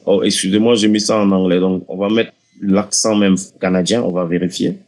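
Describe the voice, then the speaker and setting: A man hosting a casual screen-recording software tutorial, talking viewers through the steps with hesitations and restarts. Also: low voice, fairly even intonation, fairly quick. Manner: hesitant, many fillers and restarts, addresses viewers directly. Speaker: tutorial host.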